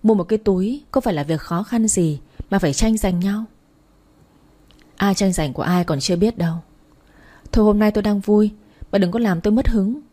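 A woman narrating a first-person story, plain and lively when she voices the quarrels. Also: medium pitch, normal speed, pauses often.

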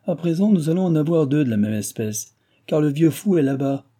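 A man's voice: a little high, animated, a little fast, dark tone, voice pushed up. A man reading the part of a scornful male pawnbroker in an audiobook. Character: gossiping male pawnbroker, middle-aged.

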